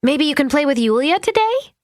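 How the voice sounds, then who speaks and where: Woman as an anxious mother, raised pitch, coaxing and urgent, in an audiobook. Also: very animated, fairly quick, no room sound, clean studio sound. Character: anxious young mother hurrying a child.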